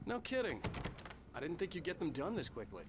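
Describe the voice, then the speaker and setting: An actor playing a male writer who gently reassures his wife and tells her a childhood story. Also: on the high side, very animated, a little fast, heavy background noise. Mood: pleased.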